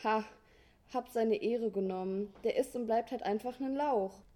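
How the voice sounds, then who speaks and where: A woman's voice: fairly high pitch, unhurried, dark tone, lightly acted. Woman doing a bragging slangy cat. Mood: boastful. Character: boastful cool female cat, street slang.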